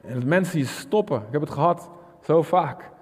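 A man preaching a sermon with passion, dropping to a hush and then rising to a shout. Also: fairly high pitch, animated, moderate pace, breathy edge. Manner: passionate, swings from hushed to shouting. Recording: long hall reverb.

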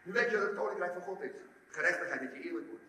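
Fairly high bright-voiced man preaching, echoey hall, mic far off. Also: racing. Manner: animated, acts out the story in voices. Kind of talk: sermon. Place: large church hall.

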